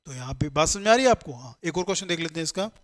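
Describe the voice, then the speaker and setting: A male English teacher for competitive exams gives a classroom grammar lecture in a slightly high voice, very fast and with lively intonation. He explains each rule step by step, asking the class questions and answering them himself, mixing Hindi with English terms.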